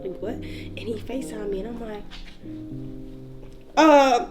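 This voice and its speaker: Soft music plays behind a young North Carolina rapper with a Southern accent as she tells stories in a casual interview. Her medium-pitched, mellow voice moves fairly quickly with fairly even intonation, and she's laid-back, laughing often and saying "like" constantly.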